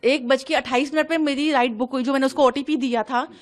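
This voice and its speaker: A woman's voice: sits high, fairly even intonation. A woman from Delhi giving an agitated first-person account to a reporter, re-enacting the exchanges as she tells it. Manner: agitated, fast, re-enacting dialogue. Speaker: interviewee recounting an incident.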